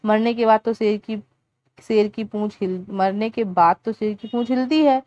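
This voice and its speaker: Read this as a woman voicing a sharp little rabbit in a kids' storybook who sees through the trick and answers with a teasing question. The sound is muffled and dry. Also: mid-range voice, normal speed, dry recording, natural voice. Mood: knowing. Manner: thoughtful, teasing. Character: clever wary young rabbit.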